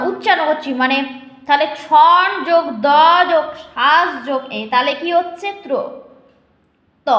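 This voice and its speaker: High, bright-voiced woman teaching a lesson. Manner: explains step by step, checks understanding with questions. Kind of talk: explaining a lesson to students. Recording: echoey room.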